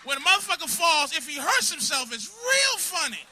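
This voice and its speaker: Man, stand-up comic, crude, confrontational, lively pitch swings, faint background noise. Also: normal speed. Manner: crude, confrontational, bursts into shouting. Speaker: stand-up comedian. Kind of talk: stand-up set. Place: comedy club.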